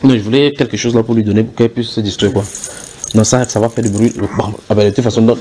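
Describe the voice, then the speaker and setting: Pastor guy, low voice, calm short replies, a little noise behind. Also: quick pace. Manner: brief, steady affirmations and calm prompts. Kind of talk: conversational interview.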